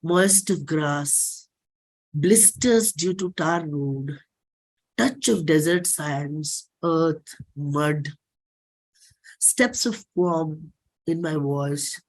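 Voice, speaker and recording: This is a dramatic reading of a personal play script by a performer and singer who has an Indian accent. It is deliberate, full of pauses and repeated phrases, in a mid-range voice captured on a rough recording.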